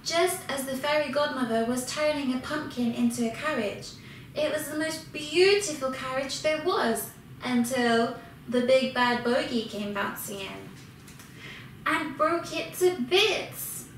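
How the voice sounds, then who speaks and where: A woman reading a children's storybook aloud in an expressive, unhurried way. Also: high-pitched. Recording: very echoey room, distant mic, faint hiss.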